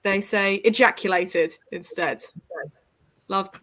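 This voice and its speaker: A woman's voice: medium pitch, takes it slowly, a bit bright, no echo. A woman who works as a teacher chats on a reading livestream. Her voice sits mid-range and sounds close and dry, with no room around it. Her humour is wry and understated. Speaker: teacher and stream guest. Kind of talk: casual chat on a livestream.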